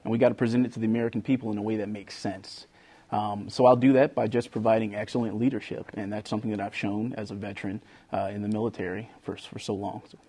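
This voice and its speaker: Guy running for office, mellow relaxed voice, informal and keeps hesitating. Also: lowish voice, fast talker. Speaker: congressional candidate. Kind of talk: unscripted debate statement.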